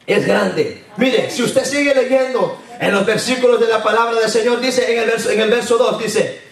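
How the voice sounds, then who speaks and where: A man preaching a sermon in a church, impassioned and repetitive, his voice rising into shouts. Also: very high-pitched, moderate pace, creaky. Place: church hall. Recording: echoey hall from far off.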